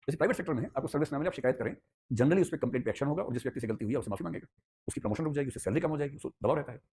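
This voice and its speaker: A man's voice: mid-range voice, darkish tone, slight background noise. A man teaching an ethics class, telling a story with playful asides in a classroom lecture.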